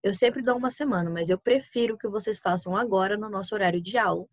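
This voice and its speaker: A woman's voice: mid-range voice, fast talker, dry recording. Patient Brazilian woman teaching a class. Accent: Brazilian Portuguese. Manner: patient, explains step by step, often checks with "tá?". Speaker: Spanish teacher. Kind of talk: recorded online class.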